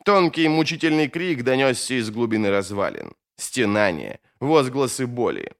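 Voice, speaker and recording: A man narrating a fantasy novel as an audiobook in a steady, expressive storytelling manner. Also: mid-range voice, normal speed, creaky.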